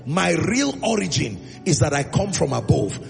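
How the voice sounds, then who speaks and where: Big pitch swings mark this gravelly, fairly high male voice as a Nigerian preacher works his congregation. He speaks emphatically, trading call-and-response and drawing out important phrases in a reverberant, music-filled hall.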